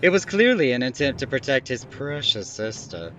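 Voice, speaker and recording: A man's voice: mid-range voice, big pitch swings, moderate pace, dull audio, lightly acted. A man voicing a gloating, pompous inventor lord from a video game, theatrical and condescending. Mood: mock sympathy.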